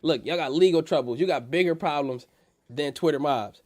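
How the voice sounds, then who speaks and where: A man's voice: a little high, normal speed, a little mellow. A man with a blocked-nose nasal sound hosting a casual livestream on the stock market, talking in slang and repeating phrases for emphasis. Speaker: livestream host.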